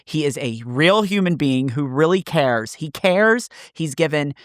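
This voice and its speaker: A man's voice: a little high, animated, measured pace, no room sound, clean studio sound. A man co-hosting a casual podcast, speaking earnestly and emphatically, often repeating phrases for weight. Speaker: podcast co-host.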